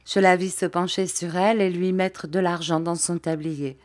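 An audiobook reader, a woman with a fairly low voice, reads a classic novel aloud in a measured, even storytelling style.

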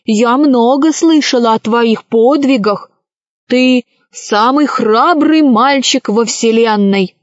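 A woman's voice: on the high side, slow, no room sound. A woman reading a children's storybook aloud and voicing a fickle pirate queen who gushes in exclamations. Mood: gushing. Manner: gushing and exclamatory. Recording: dry, slightly dull recording.

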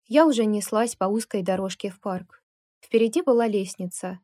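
A woman's voice: moderate pace, no echo, studio quality. A woman narrating a first-person novel as an audiobook, giving the characters their own voices. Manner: voices characters with raised pitch and loudness.

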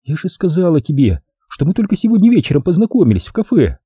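A man's voice: huge pitch swings, fast talker, warm tone, breathy edge, dry recording, clean studio sound, heavily acted. A man reading aloud, voicing a tense, indignant young woman in a raised, strained voice. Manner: shrill, raised voice.

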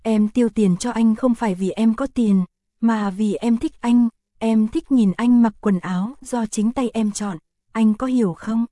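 A woman voicing an affectionate, pouty young man in an audio story, read in a soft, even voice. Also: a little high, measured pace, dry recording, lightly acted. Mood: earnest.

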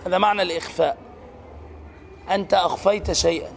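A man with a high voice teaches the rules of Quran recitation. He explains step by step and stretches out words to demonstrate each sound. A faint hiss runs under the recording. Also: steady tone, fast talker, vocal fry. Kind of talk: tajweed lesson.

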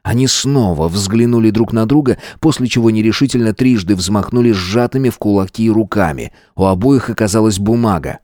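A man giving steady, measured dramatic audiobook narration. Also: fairly low pitch, no room sound, clean studio sound.

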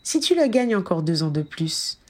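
A woman's voice: on the low side, sing-song, normal speed. A woman reading the lines of Padma, a playful, teasing journalist friend, in an audiobook.

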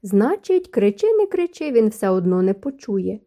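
A composed mother calmly scolds her children in a measured way, as a female reader voices her. Her voice is very dark and mellow. It is an audiobook character. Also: medium pitch. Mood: reproving. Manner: measured, admonishing.

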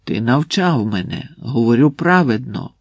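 A man voicing a terrified young monk who gabbles and wails frantically, in a husky voice. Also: mid-range voice, animated, unhurried, no echo. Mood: insistent.

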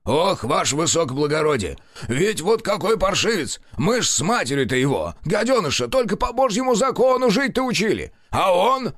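A man voicing a furious old male cook who shouts and scolds in folksy speech, in an audiobook. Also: high-pitched, big pitch swings, normal speed, few pauses, no room sound, studio quality, pitched above the performer's own voice, heavily acted. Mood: lamenting.

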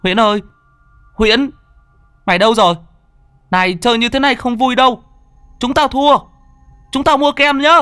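A man's voice: very high voice, steady tone, normal speed, pauses often, smooth, dry recording, soft background music, pitched above the performer's own voice. A man voicing frightened village boys calling out for a missing friend at the river. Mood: panicked calling. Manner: shouting, anxious, pleading.

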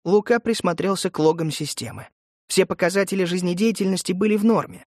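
Man narrating an audiobook, fairly high voice. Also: brisk, darkish tone, dry recording, studio quality.

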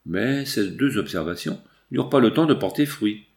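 Male audiobook narrator, gravelly, low, measured, expressive.

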